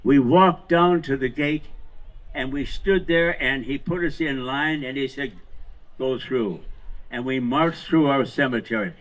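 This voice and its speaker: A hundred-year-old man, a veteran speaking to an audience, recounting war memories in short, halting, emphatic phrases with rhetorical questions. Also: medium pitch, poor audio. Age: 100 years old. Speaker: veteran Marine guest speaker. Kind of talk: live war reminiscence to an audience.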